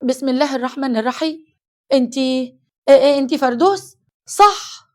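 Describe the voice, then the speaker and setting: A woman's voice: high voice, fast, close to an everyday voice. A woman voicing a grieving, tearful Egyptian mother in an audio horror story. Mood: distraught. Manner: loud, tearful pleading. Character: grieving middle-aged Egyptian mother, loud and pleading.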